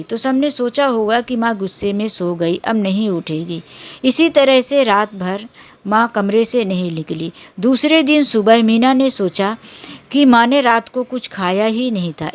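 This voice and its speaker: A woman narrating a dramatic family story in an unhurried, emotional storytelling manner. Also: on the high side.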